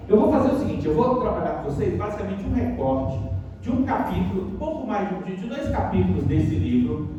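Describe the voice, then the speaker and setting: A man's voice: sits high, very animated, fairly quick, muffled recording. A Brazilian Portuguese-speaking man teaching a university workshop, often putting rhetorical questions to his audience. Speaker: university lecturer. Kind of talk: lecture workshop. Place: auditorium. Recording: echoey auditorium from far off.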